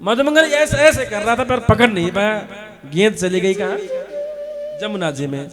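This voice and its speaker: A man, a devotional storyteller who narrates a sacred story in an animated way and acts out the characters' lines. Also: sits high, normal speed. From Nepal. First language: Nepali. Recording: speech over instrumental music.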